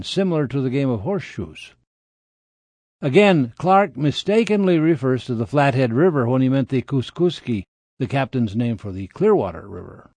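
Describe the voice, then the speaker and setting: A man's voice: medium pitch, a little mellow, dry recording. A man reading scripted history as a radio documentary narrator.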